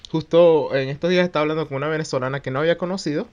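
A man's voice: fairly high pitch, fairly even intonation, very fast, darkish tone, highs cut off. Joking man co-hosting a podcast. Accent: mixed Chilean and Mexican. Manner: joking, rambling with many fillers. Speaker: podcast co-host. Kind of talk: casual podcast chat.

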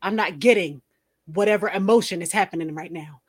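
A young woman co-hosting a casual chat, blunt, laughing often and mimicking soft coaxing voices. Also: lowish voice, a little fast, slightly rough. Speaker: podcast co-host.

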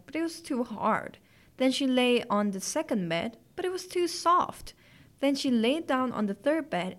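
A woman narrating classic fairy tales as a podcast host, in a clear, gentle storytelling manner. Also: a little high.

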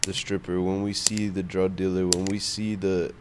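A man's voice: low-pitched, flat delivery, normal speed, background noise. A man talking casually about faith in informal, slangy speech full of "bro". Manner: informal slangy talk, peppered with "bro" and "you know what I'm saying".

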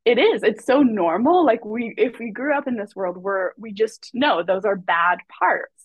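A woman speaking as a guest educator in a podcast conversation, measured and reflective, with soft fillers. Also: medium pitch, expressive, husky, no echo, dull audio. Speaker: guest, body and sexuality educator.

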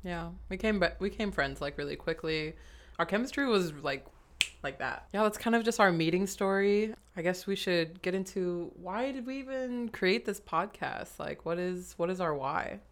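A woman's voice: fairly low pitch, moderate pace. A young woman with an American accent co-hosting a podcast in casual, slangy, informal chat. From San Francisco Bay Area, USA. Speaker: podcast co-host.

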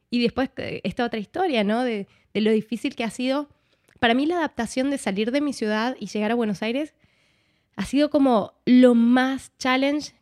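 Speaking as a guest, an actress from Argentina chats casually, frequently ending her thoughts with "¿no?" and shifting between accents. Her voice is on the high side with a darkish tone, captured in studio quality without room sound.

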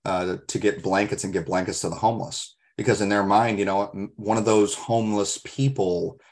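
A man's voice: lowish voice, steady tone, normal speed. A man co-hosting a podcast in casual discussion, talking in an earnest, reflective way, with emphatic rhetorical questions and stories. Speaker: podcast co-host.

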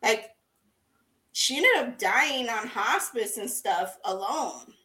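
High, bright, laughing woman podcaster. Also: slow, far from the mic. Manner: laughs a lot, swears freely, animated. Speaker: podcast co-host. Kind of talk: casual chat. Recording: roomy echo.

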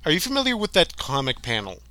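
A man co-hosting a podcast, riffing on a movie in casual chat, animated and jokey. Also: on the high side, quick pace, dry recording. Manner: animated, jokey, riffs and laughs along. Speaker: podcast co-host.

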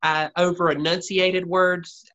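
A woman's voice: lowish voice, flat delivery, measured pace, fairly bright tone, lo-fi sound. A woman with a Southern US accent, a comedian, chatting casually. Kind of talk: casual chat.

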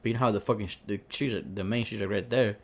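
A man's voice: lowish voice, very fast. A man on a casual podcast, telling a story with acted-out quotes and frequent laughter. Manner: animated storytelling, acts out quotes, laughs often. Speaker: podcast co-host. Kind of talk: casual chat.

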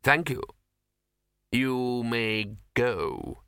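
A man's voice: medium pitch, extremely slow, bright, forceful tone, clean tone, no echo. Man doing a cold bored ruler, short clipped lines, dry sound.

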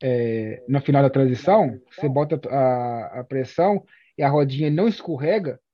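A man's voice: medium pitch, moderate pace, dull audio. A man with a Brazilian accent chatting casually in slangy speech, repeating phrases for emphasis as he talks like an experienced skater. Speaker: experienced inline skater discussing gear. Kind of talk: casual chat.

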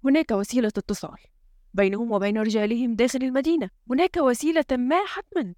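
A woman's voice: on the high side, quick pace, warm tone, dry recording, studio quality, lightly acted. A woman playing a tense, commanding president. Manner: urgent, commanding. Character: tense, frustrated male head of state.

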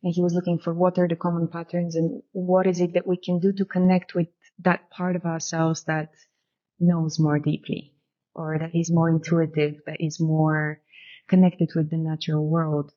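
In a casual interview, a Bulgarian woman in her thirties who works as a shamanic guide shares her story reflectively. Her low-pitched voice stays level at a normal speed, she fills pauses with "you know," and the lo-fi recording sounds muffled.

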